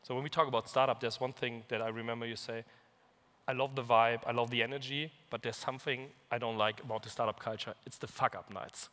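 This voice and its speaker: Host, man, fast and bright, eager questions, echoey hall. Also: medium pitch, fairly even intonation. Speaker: interviewer and host. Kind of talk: stage interview. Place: large event hall on stage. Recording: long hall reverb, from off the mic.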